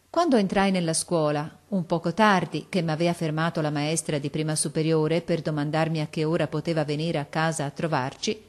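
Woman reading an old novel aloud, lowish voice, measured and expressive. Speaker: audiobook reader. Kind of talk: scripted narration of a classic novel.

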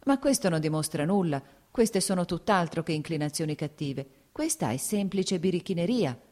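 A jealous, impulsive young husband in a classic novel audiobook, curt and quick to flare, read by a woman. The delivery stays low and dark, with only a slight lift for his lines. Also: lively intonation. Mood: uneasy.

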